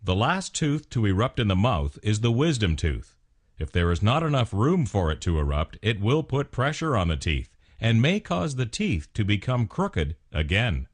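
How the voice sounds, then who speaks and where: Low-voiced man narrating with lively intonation. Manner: formal, measured, clinical delivery. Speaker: narrator of dental explainer videos. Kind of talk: scripted narration, instructional.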